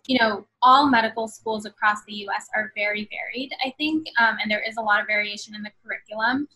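Speaking as a guest over a video call from a small room at home, this medical student in her twenties, Bangladeshi-born and New York City-raised, comes across earnest and full of fillers. Her medium-pitched voice is pushed and bright, and the webcam audio is low quality.

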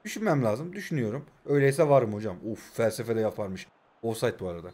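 A man's voice: medium pitch, fast, mellow. A man in his twenties from Turkey, commentating his own mobile football game with joking asides to viewers. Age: 20s. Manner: joking, teasing, talks to himself and viewers. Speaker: gaming YouTuber. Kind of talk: live gameplay commentary.

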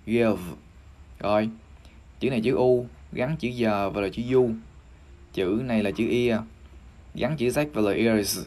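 A man with a Vietnamese accent teaching English pronunciation on a livestream, spelling out sounds one by one and repeating each word slowly. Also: fairly low pitch, darkish tone. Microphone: phone or desk mic on a livestream.

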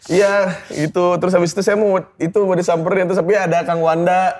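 A man's voice: high-pitched, flat delivery, fast, darkish tone. A man, a stand-up comedian, telling teasing anecdotes in casual chat. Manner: joking, teasing storyteller.

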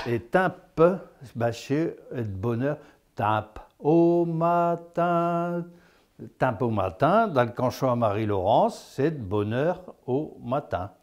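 A man's voice: mid-range voice, lively intonation, takes it slowly, darkish tone. A man giving a folksy dialect lesson. He is chatty, tags his lines with "hein?" and laughs at his own jokes. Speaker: patois teacher on local TV.

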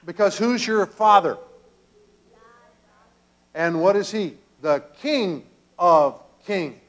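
Older male pastor, children's sermon, slow and halting delivery, fairly high voice, church sanctuary. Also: animated. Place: church sanctuary, children seated around him.

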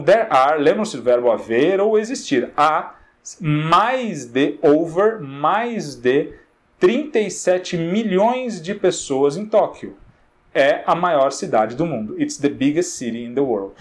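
A man teaching English, explaining slowly and often checking that his students follow along. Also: fairly high pitch. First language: Portuguese. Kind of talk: classroom English lesson.

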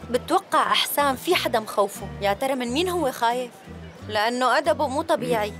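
A playful, naive young Syrian daughter in a dubbed drama. Her voice is high and quick, with faint music behind. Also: animated, fairly bright tone. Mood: cheerful, teasing. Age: young adult.

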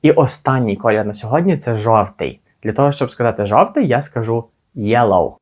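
A man teaching children simple English words slowly, encouraging them and pausing so they can repeat. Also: mid-range voice, expressive, darkish tone. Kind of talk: slow, clear language lesson for kids.

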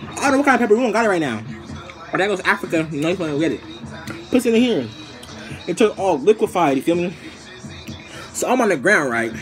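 A young adult man, a storytime vlogger with a high-pitched voice, tells a funny, casual story to the camera. He's animated and slangy, acting out each scene, and he's recorded at arm's length in a small room.

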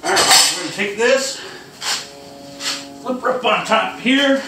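Recorded at a distance in an echoey, noisy garage, this man in his forties hosts a homestead channel and walks through a casual how-to while he works. He is chatty and jokes along the way, speaking in a high, unhurried voice.

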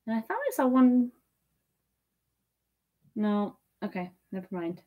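A woman in her thirties co-hosts a casual online auction livestream from a small, tiki-decorated room, her webcam audio sounding phone-quality. Her voice sits on the high side with big pitch swings, and she takes it slowly, chatty and giggly while checking messages.

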